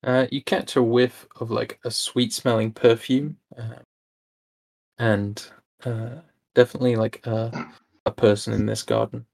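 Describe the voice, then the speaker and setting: Game master, man, low gravelly voice, flat delivery, relaxed narration. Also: measured pace. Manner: relaxed, hesitant with fillers.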